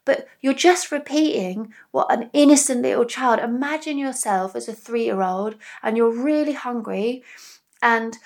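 A woman speaking earnestly and gently into a small dictaphone indoors, with many fillers, reflecting personally as a podcast host. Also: a little high, unhurried. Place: indoors in front of a mirror. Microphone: small dictaphone recorder.

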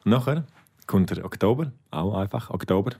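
A man teaching words in a casual lesson, patient and repeating each word slowly. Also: on the low side, lively intonation, creaky, darkish tone, breathy edge. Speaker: Romansh teacher.

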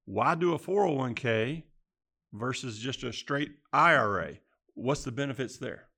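A man's voice: mid-range voice, expressive, unhurried, creaky, sharp tone. A man hosting a financial discussion, recapping and asking questions in plain words. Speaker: podcast host.

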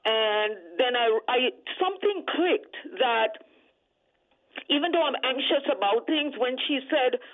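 A woman's voice: high voice, animated, measured pace. Older woman, caller on a landline phone, tinny narrow sound, earnest, rambling. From Brooklyn, New York. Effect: over a landline phone. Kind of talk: casual call-in chat. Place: at home. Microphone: house phone.

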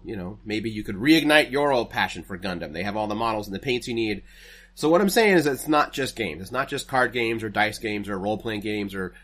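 A man's voice: medium pitch, a bit bright. Rambling man reading sponsor spots. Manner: rambling, self-correcting, nerdy asides. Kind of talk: casual chat with sponsor reads. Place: home setup, recording remotely.

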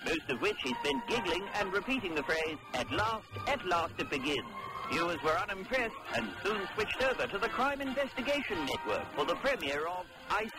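A man voicing a mock old-time newsreel announcer in a pre-produced comedy sketch, with booming, dramatic delivery over music. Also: big pitch swings, moderate pace, poor audio. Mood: pompous. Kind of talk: parody newsreel narration.

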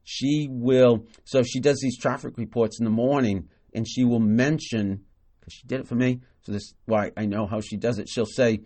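A man hosts a solo podcast about marketing, talking casually with enthusiasm and praise, full of fillers and restarts. His medium-pitched voice is dark in tone, steady, and moderately paced.

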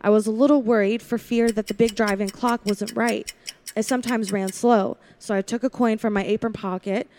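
In a lightly acted 1940s-style radio play, a woman narrates in first person as a lonely young drive-in waitress, wistful, confiding and wary. Her voice is a little high and a little mellow, steady in tone, at normal speed, with slight background noise.

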